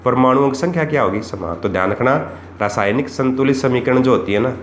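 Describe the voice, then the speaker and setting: Teaching chemistry for exam preparation, a man talks fast in a medium-pitched voice, using rhetorical questions and repeating the essentials. Faint background noise and echo come from the room.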